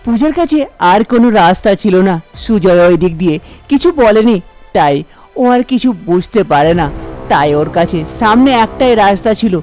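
A woman's voice: medium pitch, expressive, moderate pace, a little mellow, soft background music. A woman narrating a cartoon story in a plain storytelling way.

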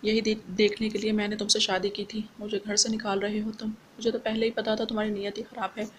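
A woman's voice: mid-range voice, completely flat delivery, quick pace, slight background noise, lightly acted. A woman reading as a sulky, scolding young wife. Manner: scolding, whiny complaints.

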